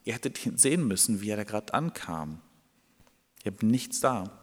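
A man plays a flustered man caught without food for a guest, worried and then insistently pleading. His voice sits low. It echoes through a large hall. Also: expressive, normal speed. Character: flustered man begging a friend for bread at night.

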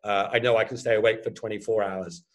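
A man's voice: lowish voice, fairly even intonation, fast. Chatty man in his fifties. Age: 50s. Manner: chatty and self-deprecating, with laughs. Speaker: competitor, ultra runner. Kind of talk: casual chat.

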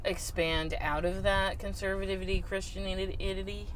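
Woman guest, mid-pitched, playful and slangy, casual talk on a boat with clear background noise. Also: fairly even intonation, normal speed. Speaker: podcast guest, potter. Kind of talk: casual chat. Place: outdoors on a boat on a lake. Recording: noisy outdoor recording on a boat. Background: boat and outdoor noise.

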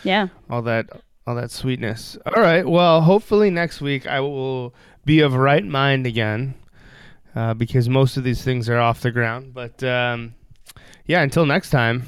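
A man from Toronto hosting a casual podcast chat, relaxed and rambling with fillers. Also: medium pitch, measured pace, clean tone, dry recording, clean studio sound. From Toronto, Canada. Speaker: podcast host.

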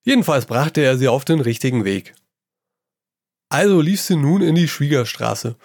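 A man giving a gruff, salty performed reading of a comic story, in the voice of an old sailor yarning to children. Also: mid-range voice, expressive, moderate pace, a little mellow, no room sound, studio quality.

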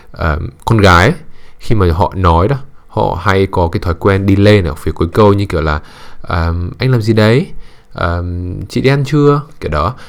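Very deep-voiced man giving advice. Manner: measured, many hesitant fillers; mixes in English words. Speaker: dating and communication advice speaker. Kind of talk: casual advice monologue.

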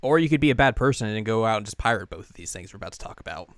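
A man's voice: on the low side, lively intonation, very fast, no room sound. A young man hosting a podcast in casual chat, rambling with fillers and laughs, close to the mic. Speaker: podcast host.

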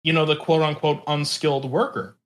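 A man's voice: on the high side, little pitch movement, fairly quick. A man in an interview explaining his views conversationally, in an earnest, qualifying way, often checking in with a tag question. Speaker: interview participant.

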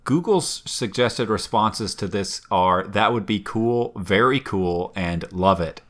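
A man co-hosting a casual podcast chat, animated, swearing casually and musing at length. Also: on the low side, takes it slowly. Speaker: podcast co-host.

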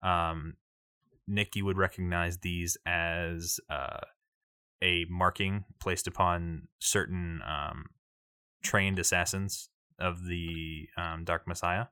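A man running a tabletop game, his voice very low yet bright and sharp in tone. He narrates haltingly, full of fillers, recorded dry and close. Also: level tone, smooth, dry recording. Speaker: game master.

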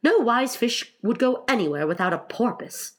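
Storybook Mock Turtle played by a woman: male creature, weary, plaintive, touchy, dragging words with big pitch swings. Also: animated, normal speed, natural voice. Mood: offended, insistent. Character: mournful, easily offended male Mock Turtle, slow and weary. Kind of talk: storybook character reading.

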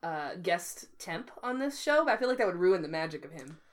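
A woman's voice: fairly low pitch, big pitch swings, brisk. A woman co-hosting a podcast, telling rambling stories in casual chat and laughing often. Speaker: podcast co-host.

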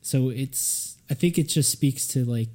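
A man's voice: medium pitch, unhurried, darkish tone. A man co-hosting a casual podcast chat, musing thoughtfully and rambling with many fillers. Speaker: podcast co-host.

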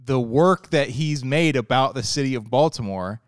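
A man in his forties co-hosting a casual podcast chat, his voice smooth and resonant. He muses aloud and hesitates over his words, breaking into easy laughter. The sound is close and dry, with no room around it. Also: medium pitch, normal speed, no room sound. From Ohio. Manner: musing, hesitant, laughs easily. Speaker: podcast co-host.

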